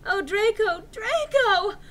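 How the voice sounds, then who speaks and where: A woman's voice: very high voice, expressive, slow pace, sharp tone, voice pushed up, heavily acted. A woman voicing a furious, melodramatic goth teenage girl in a dramatic reading, screaming her lines like a hammy stage actor. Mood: overwrought passion. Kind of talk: dramatic reading of fan fiction.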